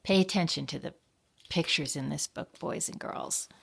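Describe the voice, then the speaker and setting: A woman librarian reading a picture book aloud to children in a slow, expressive storytime voice. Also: sits low, vocal fry, husky.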